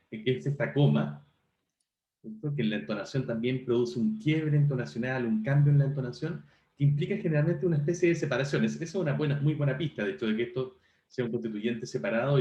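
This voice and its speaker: A man teaches a class over a video call, often pausing to ask whether his students follow. His voice is mellow but rises and falls in a lively, animated way. The call audio is roomy and a bit dull. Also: medium pitch. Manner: questioning, checks understanding often. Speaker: university teacher. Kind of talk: online class review.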